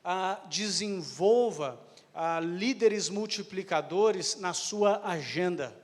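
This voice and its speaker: High-voiced male interpreter in a hall. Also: animated, takes it slowly. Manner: hesitant, with fillers and self-corrections. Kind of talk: live sermon interpretation. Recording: echoey hall with long reverb.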